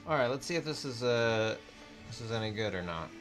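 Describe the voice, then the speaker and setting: A man's voice: mid-range voice, lively intonation, brisk, fairly bright tone, soft background music. A man hosting a live stream, rambling and laughing as he thinks aloud while painting. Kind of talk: casual live stream chat.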